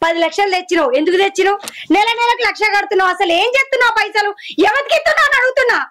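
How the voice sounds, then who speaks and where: Woman doing a very high-voiced young wife, quick and accusing. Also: animated, a bit bright. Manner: accusing, demanding answers. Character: young wife confronting her secretive husband. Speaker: wife and daughter. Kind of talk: village short film acting.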